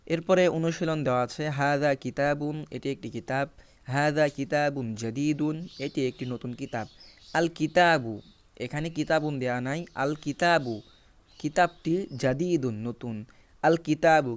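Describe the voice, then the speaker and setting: Man patiently teaching Arabic from a book. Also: a little high. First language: Bengali. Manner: steady, explains each rule step by step and repeats the examples. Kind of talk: reading through a textbook lesson.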